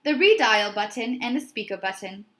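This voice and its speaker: In a high voice and at a moderate pace, a woman reads a children's story with great animation and expression. Like a teacher, she poses questions to her young listeners.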